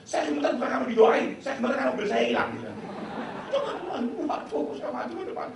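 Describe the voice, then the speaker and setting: A man's voice: extremely high pitch, huge pitch swings, very fast, very noisy. A male pastor from Indonesia preaching a sermon, telling a story and acting out the voices in its dialogue. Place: large church hall. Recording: echoey church hall, mic from a distance.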